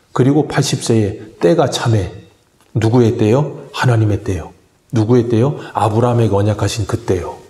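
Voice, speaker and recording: Korean pastor preaching in an echoey church. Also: male voice, fairly low pitch, dark tone. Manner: asks the congregation questions and answers them himself. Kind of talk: early-morning sermon. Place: church sanctuary.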